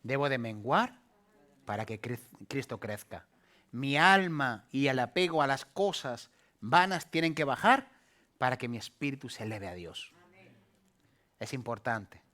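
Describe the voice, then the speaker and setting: A man's voice: medium pitch, big pitch swings, normal speed. Man preaching with call-and-response. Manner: call-and-response preaching, rising to emphatic peaks then dropping soft; acts out playful asides and voices in a light humorous tone. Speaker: pastor. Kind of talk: sermon.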